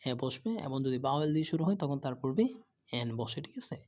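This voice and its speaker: A man's voice: mid-range voice, expressive, quick pace, darkish tone. A man teaching English grammar who explains patiently, asks questions and answers them himself, and often checks "okay?". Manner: patient, repeats examples, frequent "okay?" checks. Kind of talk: explaining lesson, asking and answering own questions.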